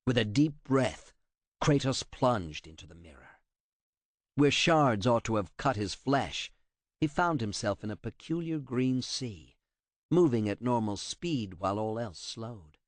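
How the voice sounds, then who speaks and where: A man narrating an audiobook with a dramatic, expressive delivery. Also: mid-range voice, measured pace, dry recording.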